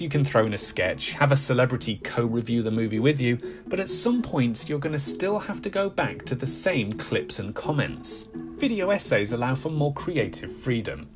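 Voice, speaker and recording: Male video essayist, conversational and emphatic, highly animated intonation, medium pitch, music underneath. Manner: conversational, rhetorical questions, emphatic. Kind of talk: scripted video essay narration. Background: background music.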